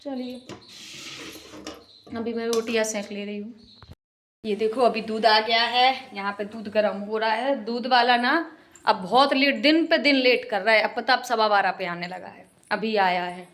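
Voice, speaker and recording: A young woman venting emotionally in a casual home vlog, often speaking quietly while cooking in her kitchen. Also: fairly high pitch, steady tone, unhurried. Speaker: vlogger, single mother.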